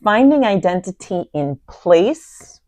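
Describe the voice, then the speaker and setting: A woman co-hosting a casual conversation, wry and animated, often pausing to search for words. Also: mid-range voice, no room sound. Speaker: co-host.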